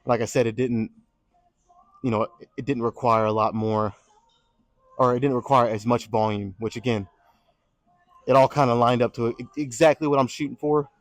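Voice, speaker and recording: A man's voice: medium pitch, steady tone, moderate pace, long pauses, dry recording, clean studio sound. A man out of breath after a leg workout, talking loosely in a gym vlog and swearing casually. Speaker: fitness vlogger.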